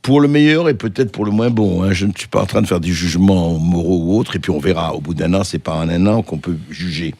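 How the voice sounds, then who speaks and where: Radio guest, man, low gravelly voice, dry studio sound, rambling and lively. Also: fast, hardly any pauses, dry recording. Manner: lively, rambling, laughing asides. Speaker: radio host, guest commentator. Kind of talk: studio discussion. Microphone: studio microphone.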